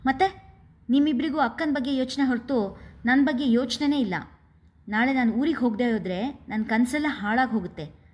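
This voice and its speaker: A woman's voice: medium pitch, fairly even intonation, fairly quick, close to an everyday voice. A woman voicing a young daughter who speaks hard and bitter to her parents.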